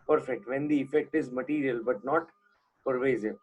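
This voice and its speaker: A man's voice: mid-range voice, normal speed, a little mellow, slight background noise, low-quality recording. A man teaching an online class, putting questions to students and repeating the key points.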